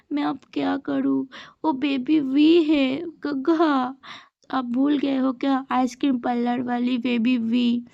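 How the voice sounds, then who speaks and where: A woman's voice: sits high, gravelly, no room sound, dull audio. A woman voicing a young man who pines for a lost love, pleading in a weepy way, in a fan-made story retelling.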